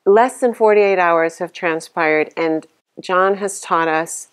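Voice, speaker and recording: Older woman, lowish voice, calm testimonial about a class she took. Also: slow. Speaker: course participant. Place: large meeting room indoors.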